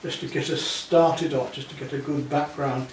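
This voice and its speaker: At a medium pitch and normal speed, a man in his sixties keeps a steady tone while showing a student how to paint, patiently reassuring them through each step. They're indoors in a home living room. His voice comes from a camera a few feet off, giving a roomy, distant sound with background noise.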